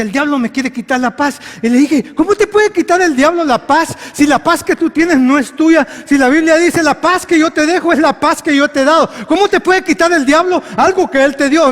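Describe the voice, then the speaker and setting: A male pastor preaching a sermon, dropping to a hush and then rising to shouts. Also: extremely high pitch, long reverb tail. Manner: swings from hushed to shouting. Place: church hall.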